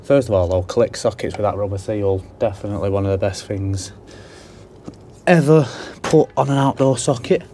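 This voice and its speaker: A young male electrician vlogs indoors at a house job, chatting casually into a handheld camera mic while he works. His voice sits on the low side and sounds warm, at a normal speed, with slight background noise. He's chatty and rambling, full of asides and jokes at his own expense.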